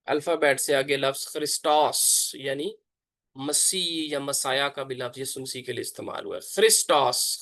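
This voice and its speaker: A pastor leads an online class, sounding out each letter slowly and repeating it for students to follow. His voice is bright and a little high for a man. The sound is dry and close. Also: dry recording. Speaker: pastor teaching a Greek class. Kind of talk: online Bible class lesson.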